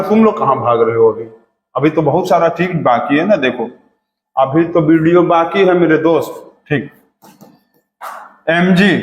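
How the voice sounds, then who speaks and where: A man giving a chemistry lesson in a chatty, repetitive way, coaxing his students along. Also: fairly high pitch. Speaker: teacher. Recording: echoey room with long reverb.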